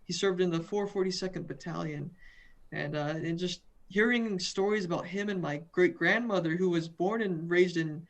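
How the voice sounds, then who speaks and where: A young man from the western United States appears as a student guest in a video interview. Earnest, he often repeats words and starts over. His voice is high, at a moderate pace.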